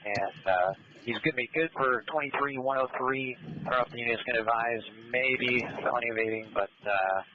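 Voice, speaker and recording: A man's voice: medium pitch, fairly quick. A man, a police officer, speaking in terse, matter-of-fact radio traffic full of codes, heard over a police radio. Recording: tinny scanner radio with faint static.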